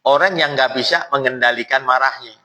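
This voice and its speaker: A man's voice: medium pitch, a little fast, rough recording. A male preacher, giving a casual, jokey sermon at a mosque study circle. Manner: lively, jokey, colloquial, acts out quotes.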